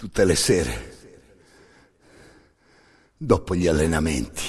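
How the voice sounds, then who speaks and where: An actor and storyteller delivers a solo radio theatre monologue in the second person, intense and incantatory, repeating phrases between long pauses over a music bed. His gravelly, creaky voice rumbles low, very animated and a little mellow.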